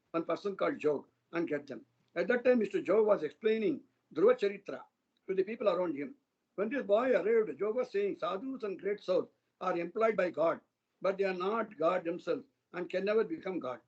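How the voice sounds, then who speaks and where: A man giving a devotional satsang talk, earnestly retelling stories of saints in a loose, flowing way. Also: sits high. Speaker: satsang speaker. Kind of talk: devotional storytelling discourse. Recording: dull lo-fi online satsang audio.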